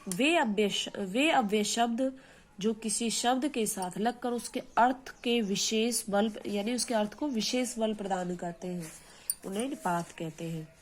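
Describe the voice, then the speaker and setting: In a grammar class, a woman teacher speaks in a slightly high voice, with a bit of noise audible in the background. Her explanations are slow and patient, punctuated by frequent questions to her pupils.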